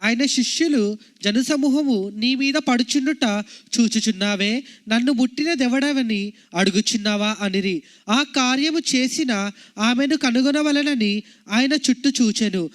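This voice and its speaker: A man with a very high voice reads scripture aloud during a sermon. His reading is measured and formal.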